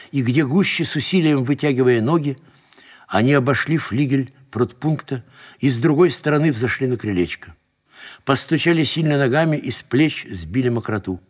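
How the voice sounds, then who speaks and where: Expressive male storybook narrator. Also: mid-range voice. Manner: expressive, dramatic reading. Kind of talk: scripted literary narration.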